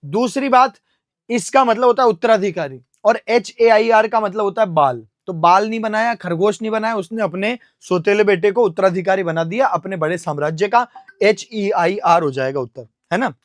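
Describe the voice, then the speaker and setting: High-voiced Indian man teaching vocabulary. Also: no room sound, clean studio sound. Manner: explains step by step, asks and answers his own questions; spells words out slowly letter by letter. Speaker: English teacher. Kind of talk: classroom vocabulary lesson.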